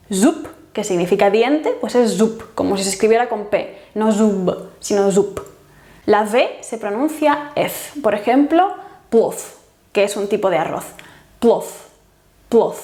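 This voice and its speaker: A woman teaches a language lesson in a calm, patient way, saying each example word slowly and more than once. Her voice sits in the middle of the usual range for a woman. The room around her is roomy and echoey. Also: medium pitch. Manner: patient, repeats example words slowly and carefully. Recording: roomy echo.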